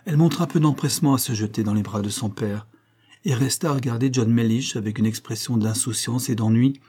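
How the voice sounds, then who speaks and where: Brief: measured male audiobook narrator, dark mellow husky timbre. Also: mid-range voice. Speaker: audiobook reader.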